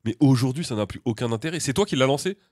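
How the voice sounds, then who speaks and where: A man from France co-hosting a podcast, rattling off slangy jokes and blunt opinions at a rapid clip. His voice sounds close and dry, with no room around it. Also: medium pitch, animated, darkish tone, dry recording. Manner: slangy, joking, quick-fire opinions. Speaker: podcast co-host. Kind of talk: casual chat.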